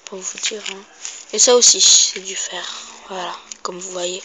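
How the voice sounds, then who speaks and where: A woman's voice: mid-range voice, fairly even intonation, unhurried, sharp tone. A female vlogger in a casual show-and-tell home video who chats to viewers, mutters to herself while counting and often corrects herself. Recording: noisy home recording.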